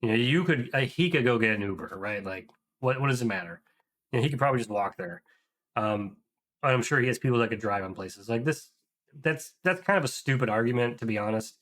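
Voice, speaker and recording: A man's voice: medium pitch, expressive, a little fast, fairly bright tone. A young adult man reacting to a clip in casual commentary, thinking aloud with frequent hesitations and restarts. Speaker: video reaction host.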